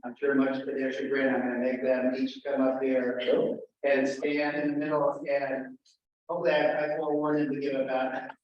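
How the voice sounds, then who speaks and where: Man, fire chief, casual halting delivery, very echoey room, dull lo-fi sound. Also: medium pitch, completely flat delivery, recorded from a distance. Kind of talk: public meeting report. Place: large meeting room. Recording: echoey dull meeting room audio, faint hiss.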